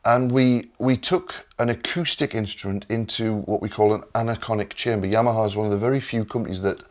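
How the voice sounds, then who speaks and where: A man's voice: on the low side, fairly quick. A man with a Northern English accent, explaining a digital piano in casual chat with enthusiasm and lots of repeated words. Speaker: product specialist. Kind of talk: casual product demo chat.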